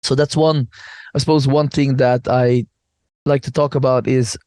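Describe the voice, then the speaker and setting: A man's voice: medium pitch, fairly even intonation, normal speed, mellow, no echo, clean studio sound. A man in his thirties from Bulgaria, a podcast guest in casual chat, rambling with many restarts and asides. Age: 30s.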